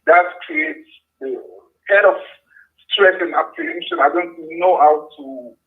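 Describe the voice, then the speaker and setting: A man's voice: on the high side, sing-song, measured pace. A man with a French accent, a French native speaker, talking carefully over a video call as a guest in a career coaching session. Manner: careful, hesitant speech with restarts. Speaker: job-seeking guest. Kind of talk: live-stream coaching conversation. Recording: muffled remote call audio.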